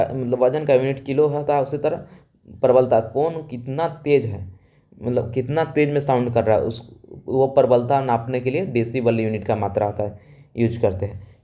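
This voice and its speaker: A man teaching a school lesson, loud and emphatic, repeating each point and explaining it in plain words. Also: medium pitch. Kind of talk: classroom lesson.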